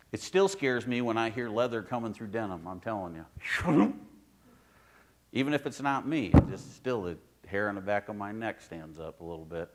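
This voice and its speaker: A male pastor giving a sermon in his own church, talking to the congregation like a conversation. He pushes some phrases out loud and high, then drops to near-quiet asides. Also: animated, normal speed, long pauses, a little hiss or hum. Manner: conversational preaching, swings between loud emphasis and quiet asides.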